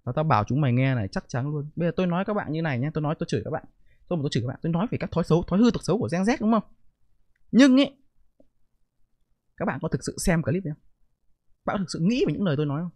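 Middle-aged male streamer, fast and animated, dry close mic. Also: a little high, dry recording. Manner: blunt, profane, defensive ranting. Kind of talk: live stream reaction commentary.

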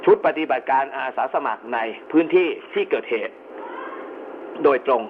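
A thin, phone-like recording with clear noise carries a man's mid-pitched voice. He lectures like an instructor, explaining step by step and dropping into colloquial asides. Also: normal speed. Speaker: instructor in amateur radio emergency communications. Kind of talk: explanatory lecture, partly informal. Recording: narrow phone-like band with clear background noise.

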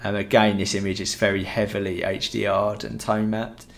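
In a room at home, a young man on a headset mic gives a loose, talkative photography tutorial packed with fillers, live-stream style. His voice is lowish and creaky, delivered flatly at a normal speed.

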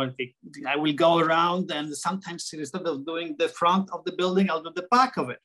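Here a middle-aged Polish architect and sketcher talks as a video call interview guest, his mid-range voice a bit bright and his Polish accent clear. He restarts often and uses many fillers. He sits in a small room at home with framed pictures on the wall, recorded by his laptop webcam.

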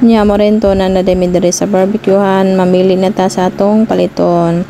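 A woman's voice: mid-range voice, flat delivery, fairly quick. A woman in her thirties with a Cebuano accent, chatting casually through a family vlog with frequent laughs and English phrases mixed in. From Philippines. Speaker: family vlogger. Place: outdoor seaside barbecue spot at night. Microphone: phone held at arm's length. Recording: loud outdoor background noise.

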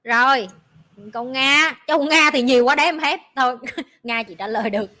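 A woman's voice: sits high, pushed and bright. A woman hosting a livestream, chatting bluntly and teasingly with her team. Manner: blunt, teasing, talks fast in bursts. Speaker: livestream host. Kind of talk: casual livestream chat with team.

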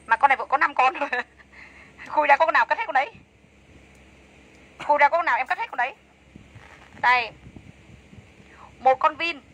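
A woman's voice: high-pitched, normal speed, pauses often, a bit bright, low-quality recording. A woman selling clothes on a livestream, chatty and enthusiastic, repeating prices over and over. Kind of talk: fast live-sale patter.

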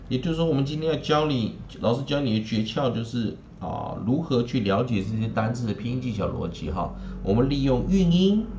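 A man teaching English phonics in Mandarin with a Taiwanese accent. He explains in quick bursts with casual tag particles, then drills each word three times over. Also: mid-range voice, mellow, reverberant, slight background noise. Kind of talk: phonics lesson with slow drilled word repetition.

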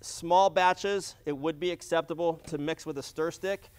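A middle-aged man talks through a hands-on demonstration in a large warehouse, pausing on fillers and restarting sentences as he works. His voice sits a little high for a man, picked up on a lapel mic while he kneels on the floor. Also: fairly even intonation, darkish tone, smooth. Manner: practical, explanatory, with frequent fillers and restarts. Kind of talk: instructional demonstration.

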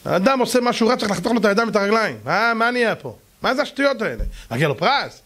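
A man preaching as a rabbi, his voice sitting a little high. He tells stories with lots of exclamation, acting out the voices of the people in them and turning again and again to address his listeners directly. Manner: animated, acts out quoted voices, exclamatory. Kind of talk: storytelling sermon.

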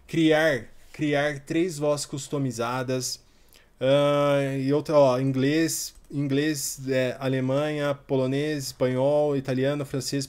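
A man's voice: medium pitch, a little mellow. Guy in his 30s doing a chill tutorial, chatty, lots of little fillers while he clicks around. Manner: chatty, talks while clicking through a website, many fillers like "tá" and "ó". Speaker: tutorial host. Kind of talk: casual screen-recorded software tutorial.

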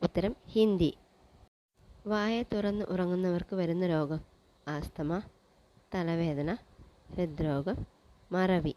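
A woman presenting a general-knowledge quiz, reading each question and its options in a measured, list-like way. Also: fairly low pitch, steady tone, dark tone, a little hiss or hum, low-quality recording.

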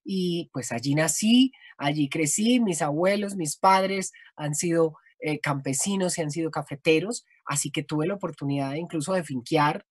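A middle-aged Colombian woman with an Antioquian accent, explaining voice and breath in an expressive, teacherly way over a video call from home. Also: low voice, moderate pace, hardly any pauses, breathy edge, dry recording, studio quality. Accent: Colombian Antioquian Spanish. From Colombia, Antioquia region. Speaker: voice-over artist and voice coach guest. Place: home room with bookshelves. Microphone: video call webcam.

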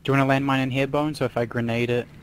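A man's voice: medium pitch, flat delivery, racing, slight background noise. A man from New Zealand giving matter-of-fact tactical callouts to his squad over voice chat. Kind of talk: casual squad chat while gaming.

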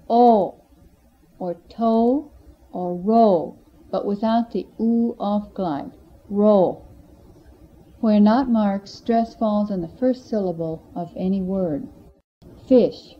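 A woman teacher giving clear, measured explanations of vowel sounds in a language lesson. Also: mid-range voice. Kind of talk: instructional narration. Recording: dull lo-fi recording with faint noise.

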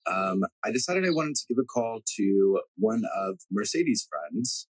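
A man's voice: on the low side, sing-song, measured pace, background noise. A man in his thirties hosting a video podcast from his backyard, speaking earnestly and thanking his guest. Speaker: host. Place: backyard garden outdoors.

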